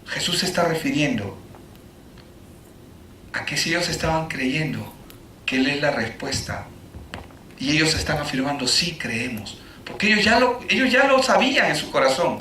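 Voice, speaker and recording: High, bright-voiced preacher, shouting sermon. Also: male voice, expressive, moderate pace, pauses often, a little hiss or hum. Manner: rhetorical questions, builds to shouting then drops low. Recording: echoey room, voice from a distance.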